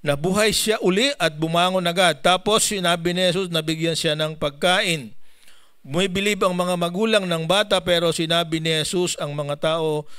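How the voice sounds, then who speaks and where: Filipino male pastor, smooth and dry, jokes and quizzes the congregation mid-sermon. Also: sits high, moderate pace, fairly bright tone, no echo. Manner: joking, asks the congregation questions. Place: church.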